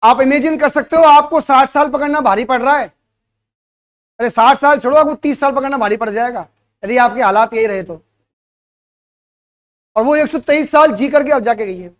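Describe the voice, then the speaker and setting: A man's voice: very high voice, moderate pace, pauses often. A man teaching at a coaching center, giving a motivational classroom talk and throwing rhetorical questions at his students.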